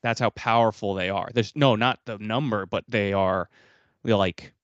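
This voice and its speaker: Low-voiced rambling man. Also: normal speed, no room sound. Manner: rambling, searching for words. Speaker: podcast co-host. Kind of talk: casual chat. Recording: dull dry lo-fi sound.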